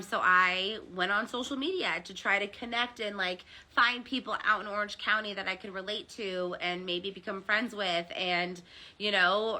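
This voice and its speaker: A woman's voice: medium pitch, sharp tone. An American woman, a hairdresser, giving an earnest, confessional testimonial full of ums. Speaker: hairdresser turned seller. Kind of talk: personal testimonial.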